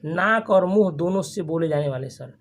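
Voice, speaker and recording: A teacher giving a grammar lesson to a class, repeating each term and asking quick questions for the students to answer back. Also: medium pitch, animated. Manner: frequent restarts and checking questions. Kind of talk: classroom lesson with call-and-response.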